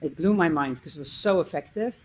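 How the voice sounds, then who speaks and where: A woman's voice: sits low, fairly quick, a little mellow, poor audio. A middle-aged woman from the Netherlands, a coach speaking as a podcast guest and telling her story in an earnest, conversational way. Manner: earnest, listing experiences with small restarts.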